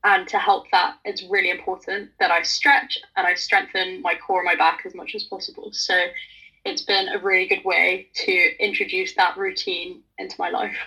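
A young woman speaks in a casual, earnest way, taking her time to explain. Her voice is bright and forward, with a breathy, husky edge. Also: on the low side, level tone, moderate pace, poor audio. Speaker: participant sharing fitness goals. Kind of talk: casual chat.

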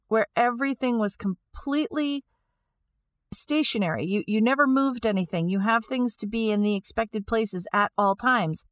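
A woman's voice: fairly high pitch, a bit bright, no room sound. A woman gives a lecture, walking listeners through an idea one step at a time. She thinks aloud and sometimes restarts or repeats a phrase. Her voice is close and dry, with no room sound. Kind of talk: explanatory lecture.

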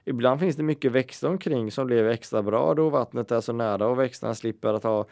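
A man with a mid-range, darkish voice co-hosts a podcast of casual chat, joking and laughing often. The recording is dry, with clean studio sound.

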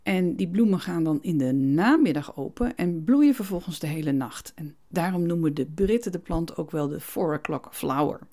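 A woman's voice: fairly low pitch, animated, moderate pace, hardly any pauses, mellow. A woman hosting a gardening podcast, telling a story in a casual, chatty way with frequent hesitations and restarts, recorded in a home studio. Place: home studio with cats around.

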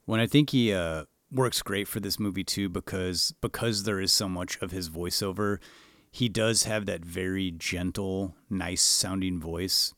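A man talks earnestly about a film, rambling a little with "you know" and "like." His voice sits on the low side and sounds smooth and resonant. The recording is dry and close. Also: steady tone, a little slow, fairly bright tone, dry recording. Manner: earnest, thoughtful, rambling with fillers. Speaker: podcast co-host. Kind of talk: casual film discussion.

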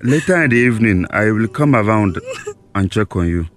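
A man with a Nigerian accent playing a calm, firm police officer in a radio drama, reassuring and questioning. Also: fairly low pitch, close to an everyday voice. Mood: steady. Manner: measured, reassuring.

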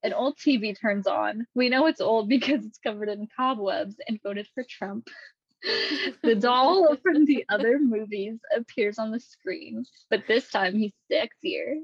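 A woman reads a goofy script at a slow drawl and keeps breaking into giggles. Her voice is a bit husky and on the higher side. The sound is dull and dry, close to the mic. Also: dry recording. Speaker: podcast co-host. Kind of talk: reading a comic bot-written script aloud.

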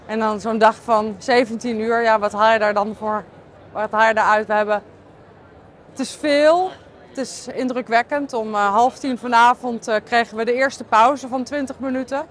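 A woman hosting her podcast in a candid, casual video diary, tired and halting, with many fillers. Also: a little high. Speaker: podcast host.

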